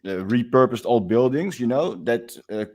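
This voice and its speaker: A man's voice: mid-range voice, animated, darkish tone. Dutch man hosting a live stream. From Netherlands. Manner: eager, stacks up quick yeahs. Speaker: host.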